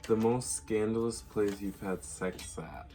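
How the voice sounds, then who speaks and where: A drunk man chatting casually in an excitable, campy, profane way during a makeup drinking game. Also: fairly low pitch, a little slow, faint music behind.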